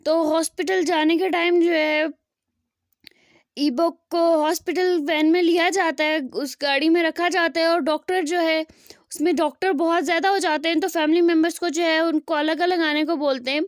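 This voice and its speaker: A young woman retells a fan-fiction story in a loose, chatty narration full of fillers. Her voice is very high. The recording is dry and close to the mic. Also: steady tone, normal speed, dry recording.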